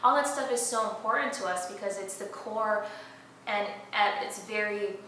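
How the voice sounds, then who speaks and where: A young woman from Detroit chats earnestly through viewer questions, leaning on fillers as she thinks aloud. Her voice is bright and carries, but she sits some distance from the mic. A strong echo fills the room around her. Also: mid-range voice, normal speed, a little hiss or hum. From Detroit, Michigan, United States. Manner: earnest, conversational with frequent fillers. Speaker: founder of a hijab fashion brand, answering viewer questions. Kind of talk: casual chat, Q&A.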